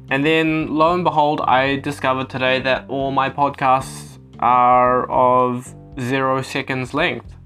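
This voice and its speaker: A man's voice: medium pitch, pushed and bright. A young man with a New Zealand accent talking casually and earnestly as a solo podcast host into a phone voice recorder, like a personal dictaphone note. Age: young adult. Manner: earnest, reflective.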